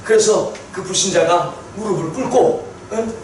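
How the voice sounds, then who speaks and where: A man preaching a sermon testimony, telling his story with animated repetition for emphasis. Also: high voice, normal speed, slight background noise. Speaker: pastor. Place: church sanctuary. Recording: echoey church hall from far off.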